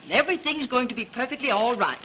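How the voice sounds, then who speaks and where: A woman's voice: fairly high pitch, animated, fast, background noise. Motherly neighborhood house worker, early talkie. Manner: kindly, fussing, reassuring. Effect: early 1930s talkie film sound. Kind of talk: 1930s film acting.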